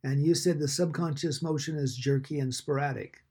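Husky male podcast interviewer. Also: a little high, steady tone, normal speed, a little mellow. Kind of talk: conversational interview.

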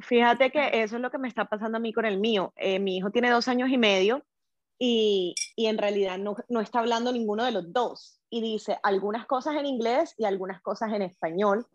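A woman's voice: a little high, brisk, dry recording. Woman on dull, dry lo-fi audio. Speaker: mother, panelist. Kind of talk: casual conversation.

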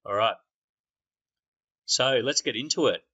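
Male podcast host, dry deadpan banter, bright voice, lo-fi sound. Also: medium pitch, measured pace, husky. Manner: dry, deadpan, self-mocking humor. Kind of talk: casual joking podcast chat. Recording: dull lo-fi sound.

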